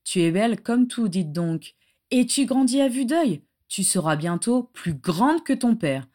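An excitable grown man in a storybook reading, gushing with affection and raising his voice high with feeling, as a woman narrator puts him on. He bubbles over, then turns timid. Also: unhurried. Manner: effusive, gushing, then shy. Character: excitable, emotional adult man.

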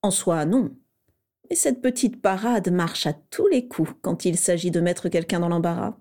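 A woman reading the lines of a smug, playful teenage boy wizard in a storybook reading, in a raised, mellow voice. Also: on the low side, lively intonation, unhurried. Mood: smug teasing. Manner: playful, self-satisfied.

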